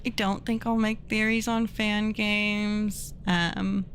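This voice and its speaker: A woman's voice: mid-range voice, little pitch movement, slow pace, music in the background. A woman hosting a live game stream, chatting casually and giggling as she talks to her viewers. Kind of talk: casual live gameplay commentary.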